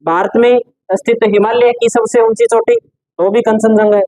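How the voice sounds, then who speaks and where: Male teacher dictating notes slowly. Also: high voice, fairly even intonation, warm tone, dry recording, rough recording. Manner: repeats key phrases slowly for note-taking. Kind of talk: classroom lecture dictating notes.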